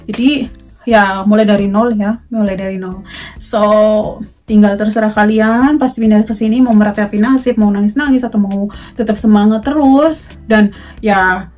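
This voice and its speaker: A young woman from Indonesia chatting casually to her viewers as a vlogger, mixing in English words and pausing often on fillers. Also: mid-range voice, fairly even intonation, a little mellow, soft background music. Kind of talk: casual talk to camera.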